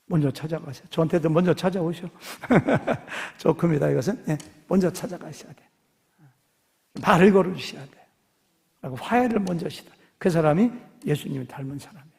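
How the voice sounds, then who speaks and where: A man's voice: a little high, normal speed, creaky, pauses often, darkish tone, long reverb tail. A man preaching a sermon as pastor, telling stories animatedly and acting out dialogue in different voices. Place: church sanctuary.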